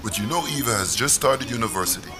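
A man's voice: medium pitch, animated, fast, music in the background, close to an everyday voice. An actor playing a middle-aged father in a domestic drama, stern and protective of his grown daughter. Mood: stern, probing.

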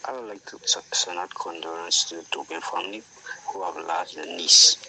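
A man, a listener, heard through a voice message played back on air, speaking softly and earnestly, some words close to a whisper. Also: low-pitched, a little fast, noisy background. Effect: played-back phone voice message. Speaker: listener sending greetings.

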